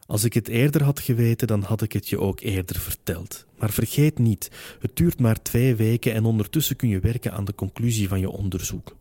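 A man voicing a gentle, persuasive Victorian spirit medium woman in an audiobook, with a soothing, reassuring manner. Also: on the low side, fairly quick, no echo, natural voice. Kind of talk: audiobook character reading.

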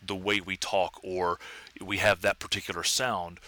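A man talking as an academic researcher and interview guest, explaining in a halting, careful way. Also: sits low, flat delivery, bright, forceful tone, no echo. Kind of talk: academic discussion.

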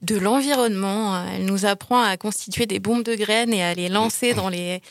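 A woman's voice: mid-range voice, fairly bright tone, no echo. A woman co-hosting a comics podcast, friendly and hesitant, with many fillers. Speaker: podcast co-host. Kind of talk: casual chat.

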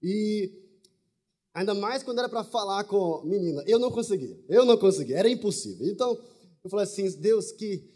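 A man stands before a congregation and tells his testimony as a lively story, often breaking off to speak to the crowd. His voice sits fairly high and has a husky edge. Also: brisk. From Brazil. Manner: storytelling, humorous, with asides to the audience. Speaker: preacher.

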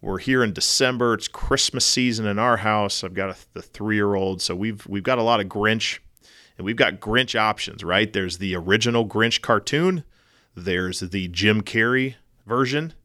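A hoarse man with a cold, hosting a podcast in a rambling, self-joking monologue. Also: normal speed, pushed and bright. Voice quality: low husky baritone. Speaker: podcast host.

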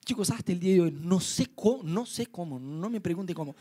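Young Rioplatense preacher, expressive storyteller, wide-ranging lively delivery for a youth sermon. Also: male voice, fairly quick. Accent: Rioplatense Spanish. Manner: lively storyteller, voices his own inner thoughts in high pitch. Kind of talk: animated sermon with acted-out anecdotes.

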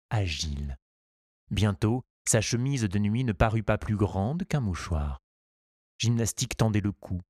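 A man reading a children's storybook aloud in a calm, measured and gently expressive way. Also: lowish voice, no echo, studio quality. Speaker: audiobook narrator. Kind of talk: scripted storybook narration.

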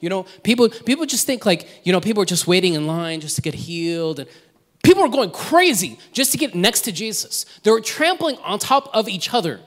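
A man preaching a sermon as pastor, telling the story in an animated way, acting out quotes and often restarting his sentences. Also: high voice, fairly quick, in a large hall.

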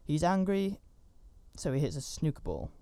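A man's voice: a little high, very animated, normal speed, dark tone, no room sound. A man giving a casual, rambling recap of a horror movie, with chatty asides and fillers. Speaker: film reviewer.

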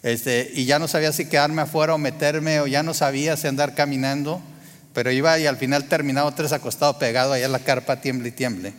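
A man with a Mexican accent preaching to his congregation in a relaxed storytelling manner, often checking in with "¿verdad?". His voice sits a bit high for a man. The sound rings with the long reverb of a large hall. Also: fast. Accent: Mexican Spanish. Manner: conversational, frequent "¿verdad?" asides to the congregation. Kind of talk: sermon with a personal story.

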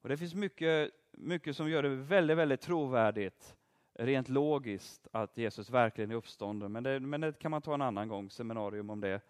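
A man leads an interactive Bible teaching at an ordinary, middle pitch. He keeps putting questions to his listeners and praising their answers, in a lively, engaged manner. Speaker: preacher teaching a group.

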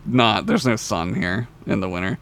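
A man co-hosting a casual fan discussion, speaking enthusiastically with halting phrasing and swearing. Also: on the low side, fairly bright tone. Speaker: podcast co-host. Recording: clearly audible background noise.

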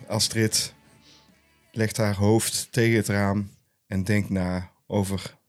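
A man's voice: fairly low pitch, level tone, takes it slowly, faint music behind. A man co-hosting a podcast, narrating an improvised story in short, scene-by-scene sentences. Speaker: podcast co-host.

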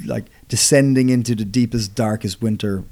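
A young man in the middle of the male pitch range chats his way through a podcast for English learners. He trips over his own words, corrects himself on the fly and laughs easily at his co-host. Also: normal speed, mellow. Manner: rambling, self-correcting, laughs often. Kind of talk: casual chat explaining English phrases.

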